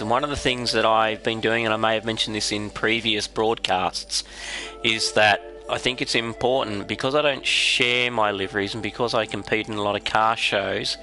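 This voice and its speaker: An Australian man with a raspy, congested head-cold voice, giving unhurried, casual explanations as he hosts a game livestream. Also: fairly low pitch, sharp tone.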